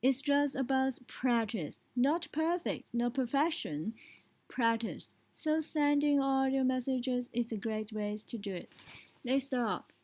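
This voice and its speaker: A woman teaching English speaking tips, explaining step by step and often checking in with a quick question. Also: sits high, lively intonation, a little mellow, rough recording. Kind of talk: spoken language lesson.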